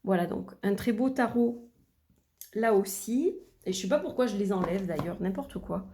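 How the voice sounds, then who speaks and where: A woman's voice: medium pitch, normal speed, dark tone, a little hiss or hum. A middle-aged woman vlogging in a casual, chatty way, with many fillers and restarts, her voice a little worn. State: losing her voice. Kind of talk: casual chat.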